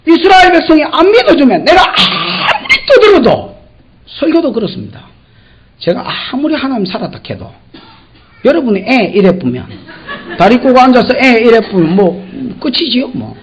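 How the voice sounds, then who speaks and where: A man's voice: extremely high pitch, wildly swooping pitch, normal speed, slight background noise. A man preaching an expository sermon as a pastor, in a folksy, joking way with a Gyeongsang accent, acting out the dialogue. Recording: dull lo-fi church recording.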